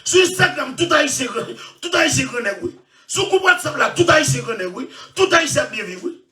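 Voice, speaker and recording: A man hosting an online show, ranting loudly and repeating himself. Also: very high voice, animated, normal speed, distant mic. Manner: shouting, loud and repetitive. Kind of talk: impassioned rant.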